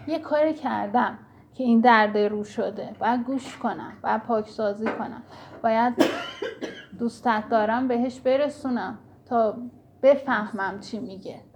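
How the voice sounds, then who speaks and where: Earnest woman with a creaky voice. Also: fairly high pitch. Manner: earnest, instructive, addresses listeners directly. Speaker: spiritual teacher. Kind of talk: spiritual teaching talk.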